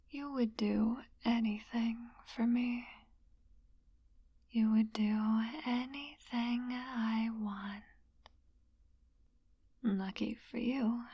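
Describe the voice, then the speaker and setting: A woman performing a whispered role-play as a teasing, gently dominant young hypnotist classmate, speaking in a mesmerizing, coaxing way. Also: fairly high pitch, breathy edge, no echo, heavily acted. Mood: mesmerizing, commanding.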